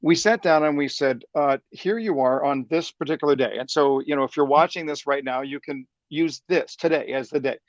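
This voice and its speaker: A man's voice: fairly high pitch, fairly quick, hardly any pauses, no room sound, lo-fi sound. A man in his sixties, a sales trainer speaking as a guest, enthusiastic and motivational, often repeating words as he starts a thought. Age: 60s. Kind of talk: upbeat interview talk.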